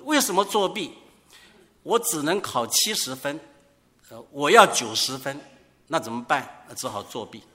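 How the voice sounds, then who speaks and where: A man preaching a sermon, telling anecdotes and asking rhetorical questions. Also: mid-range voice. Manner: storytelling, rhetorical questions, animated. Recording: long hall reverb.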